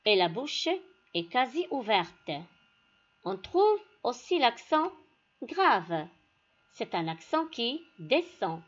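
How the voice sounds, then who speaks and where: Slow, lively-voiced woman teacher. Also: on the high side, lo-fi sound. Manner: slow, deliberate, addresses pupils directly. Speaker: primary school teacher. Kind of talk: classroom lesson.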